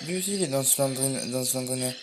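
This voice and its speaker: A man's voice: medium pitch, fast talker, music in the background. A young man casually commenting on a horror game as he plays, mumbling and swearing now and then while he eats. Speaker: gamer playing a horror game. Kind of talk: casual let's play commentary.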